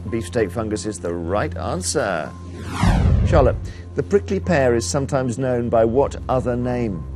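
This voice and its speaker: A man's voice: mid-range voice, lively intonation, unhurried, loud music behind the voice. A man hosting a TV quiz show, reading questions and bantering with the contestants in a teasing way. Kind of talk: TV quiz presenting.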